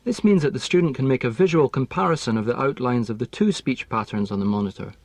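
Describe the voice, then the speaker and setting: A man explaining language teaching in a scripted lesson, speaking in a measured, precise way. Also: mid-range voice, darkish tone, no room sound.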